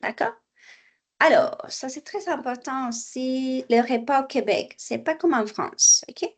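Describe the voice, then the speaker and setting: A woman teaching French at an unhurried, deliberate pace. She explains exercises patiently, repeats each phrase and now and then slips into for her students. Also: sits high, husky. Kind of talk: online language lesson, explaining exercises.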